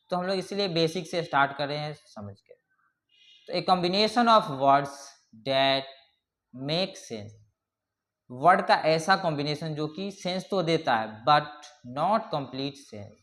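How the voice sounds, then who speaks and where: A man teaching a grammar lesson, slowly reading out English definitions word by word and often checking in with his class. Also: on the high side, fairly bright tone. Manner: slow explaining, reads English definitions word by word, repeats "ठीक है".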